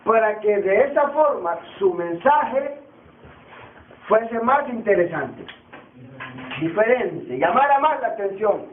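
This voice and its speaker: Male Bible teacher, high pitch, repetitive quizzing lecture style, captured far off on a tinny, roomy recording. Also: very animated, slow pace, pauses often, slight background noise. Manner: repeats key terms, quizzes the class. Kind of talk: classroom lecture. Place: classroom. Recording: tinny, echoey distant classroom recording.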